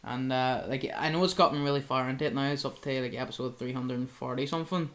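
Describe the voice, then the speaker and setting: A man's voice: mid-range voice, fairly even intonation, fast talker, fairly bright tone. A young man, co-hosting a casual chat and rambling with lots of filler words. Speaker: podcast co-host.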